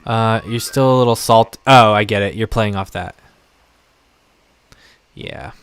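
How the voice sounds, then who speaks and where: A young adult man chatting casually and rambling on a live stream, talking warmly to his viewers. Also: on the low side, unhurried, clear, resonant tone, no echo.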